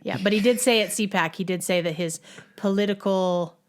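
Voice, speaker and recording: A woman's voice: medium pitch, a little fast, a little hiss or hum. A middle-aged woman co-hosting a podcast in casual chat, talking in a chatty, rambling way. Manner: chatty, rambling, with frequent restarts. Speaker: podcast co-host.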